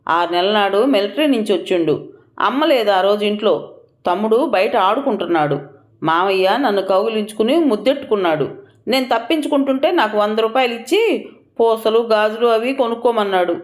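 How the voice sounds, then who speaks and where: A woman's voice: medium pitch, animated, brisk, pitched above the performer's own voice, close to an everyday voice. A woman voicing a frightened, timid young village girl who speaks hesitantly. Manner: hesitant, pleading.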